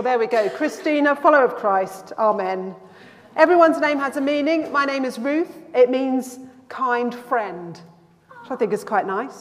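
A woman priest preaching a conversational sermon at a pulpit microphone and quizzing the congregation. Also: fairly high pitch. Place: large church. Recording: long church reverb.

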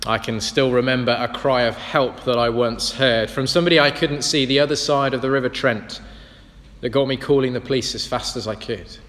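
A man's voice: medium pitch, fairly even intonation, a little fast, fairly bright tone. A man preaching a sermon, earnest and reflective as he tells stories. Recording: long reverb of a large hall.

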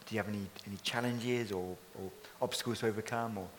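A man's voice: on the low side, steady tone, fast, big-room sound, a little hiss or hum. A man interviewing a church member on stage, encouraging and affirming her answers.

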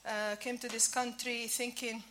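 Slightly high and bright, her voice barely moves in pitch, and her tone is forceful at a measured pace, with some faint background noise. She is a native Italian speaker from Italy in her fifties, her accent lightly touched by Scottish, preaching casually at a church breakfast with plenty of fillers and restarts.

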